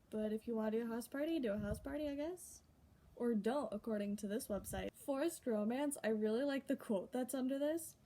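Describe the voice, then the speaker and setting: Outdoors in the wind, near some wind chimes, a young adult woman records herself chatting casually and animatedly to camera about writing. Her voice is fairly high and mellow, and the recording is full of windy outdoor noise.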